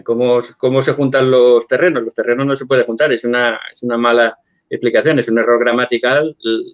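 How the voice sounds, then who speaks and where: A man's voice: mid-range voice, steady tone, fairly quick. Earnest Spanish man on a dull line. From Valencia, Spain. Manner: earnest, repeats words while searching. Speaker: guest apologist. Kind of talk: online interview, testimony.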